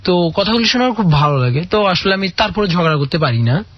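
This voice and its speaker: Husky man telling a long story. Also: high-pitched, animated, fast talker. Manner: long earnest storytelling with quoted dialogue. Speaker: caller. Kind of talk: personal story told on a radio call-in show. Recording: dull lo-fi radio audio.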